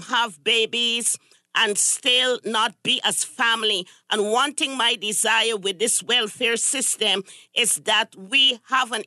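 A woman's voice: on the high side, pushed and bright, no room sound. An older woman from Guyana, the candidate's mother, giving a preacherly address that quotes scripture. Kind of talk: speech-like address.

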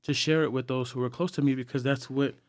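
A young man sharing personal struggles in a candid, earnest way, halting often with fillers and restarts. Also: mid-range voice, fairly even intonation, dry recording. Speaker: podcast guest.

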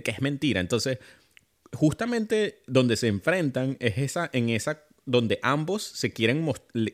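Man, casual film chat, rambling, lots of restarts and fillers, average pitch.

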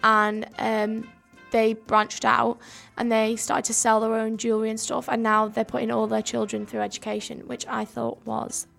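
A woman's voice: a little high, monotone, moderate pace, vocal fry, few pauses, fairly bright tone, soft background music. A young woman co-hosting a homemade radio show, speaking earnestly in long run-on sentences. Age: young adult. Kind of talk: casual discussion.

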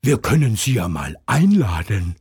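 A man voicing a stubborn, hot-tempered male rabbit neighbor in a storybook reading, shouting back high and loud. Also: big pitch swings, moderate pace, husky, exaggerated voice. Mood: agreeable. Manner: shouting, contrary.

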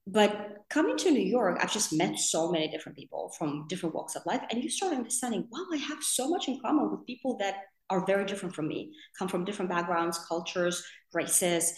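A woman's voice: mid-range voice, animated, fairly quick, few pauses. A woman from Finland, co-founder of a podcast company, chatting in an interview with a rambling, filler-heavy manner. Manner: chatty, rambling, full of "you know" fillers. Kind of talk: casual interview talk. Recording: roomy echo.

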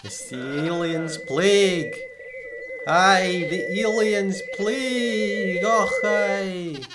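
A woman's voice: medium pitch, extremely slow, very noisy. A woman voicing a dotty older man who talks vaguely about an alien plague. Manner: dreamy, vague. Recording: loud music behind.

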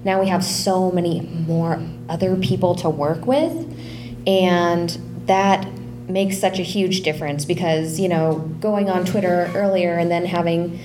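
A woman's voice: fairly low pitch, steady tone, a little slow. A woman speaking earnestly as a panelist in a casual group discussion. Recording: humming background noise.

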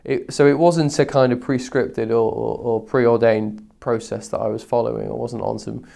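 Gravelly, hesitant man being interviewed. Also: medium pitch, fairly even intonation, normal speed, dark tone. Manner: hesitant, repeats words in searching bursts. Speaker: interview guest. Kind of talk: conversational interview answers.

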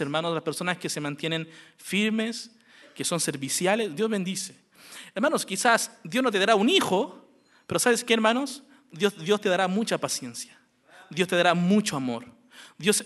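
High, bright-voiced preaching man. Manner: swings from quiet, slow emphasis to loud, fast exhortation; addresses listeners as brothers again and again. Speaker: pastor. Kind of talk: sermon.

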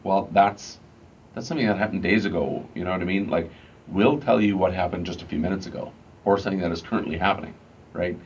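A man's voice: low voice, fast talker, a little mellow, slight background noise. A man, a radio morning show host, casually explaining his work with lots of fillers and restarts. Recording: slightly dull lo-fi sound with faint music.

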